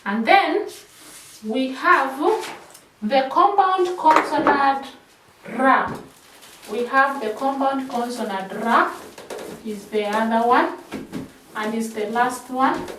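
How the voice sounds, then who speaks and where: A woman's voice: high voice, background noise. A woman from Kenya teaching a shorthand class, repeating each word again and again as she drills it. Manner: slow, repeating words in drills. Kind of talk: classroom lesson. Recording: echoey room, mic at a distance.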